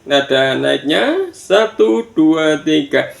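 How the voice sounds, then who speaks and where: A man teaching children Quran recitation in a slow online lesson, counting aloud and drilling chanted verses. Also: on the high side, very animated, gravelly. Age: older. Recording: echoey room.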